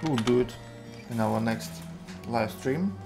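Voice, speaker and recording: A game streamer in his twenties with a Russian accent and a medium-pitched, gravelly voice gives casual live commentary, thinking aloud in halting fragments. He sits at a computer in an indoor room, with music playing behind him and keyboard typing audible.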